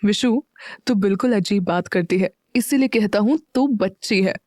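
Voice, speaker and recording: A woman's voice: medium pitch, no echo, studio quality, close to an everyday voice. A woman voicing a tender young lover. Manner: soft, slow and tender. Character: affectionate young man, gently teasing.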